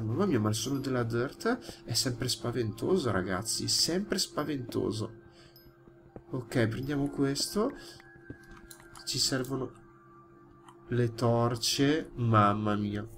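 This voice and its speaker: Jumpy young Italian gaming commentator. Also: male voice, medium pitch, background noise. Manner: jumpy, yelps when startled, talks to viewers. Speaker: gaming YouTuber. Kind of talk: live gameplay commentary.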